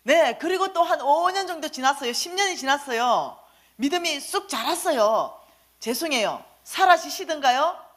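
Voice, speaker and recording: Woman preacher, high voice, swooping lively delivery, testimony sermon, questions the congregation. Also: moderate pace. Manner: questions the audience directly, urging answers.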